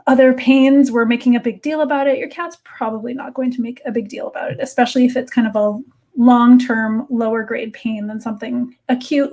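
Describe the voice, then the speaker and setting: Woman presenting, in a higher-pitched voice. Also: darkish tone. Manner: conversational, explanatory. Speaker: cat behavior expert giving a presentation. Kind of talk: educational talk with slides.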